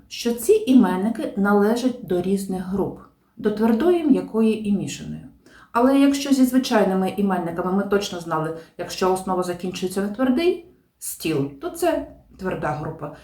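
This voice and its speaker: A woman teaching a grammar lesson, explaining clearly and deliberately and stressing each example word. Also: mid-range voice, warm tone. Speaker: language teacher. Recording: roomy echo.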